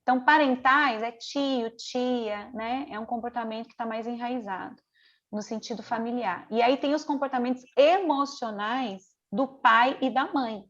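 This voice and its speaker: Woman mentor, middle-aged, high bright voice, earnest teaching manner, dull lo-fi call sound. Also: normal speed. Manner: earnest, conversational, piles up rhetorical questions. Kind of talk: online mentoring lesson.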